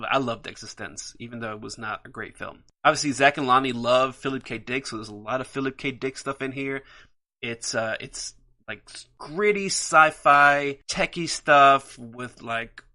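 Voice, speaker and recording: A man hosts his own solo podcast about his comic book picks, talking enthusiastically and a bit ramblingly with lots of fillers. His voice is mid-range with a sharp tone, at a moderate pace.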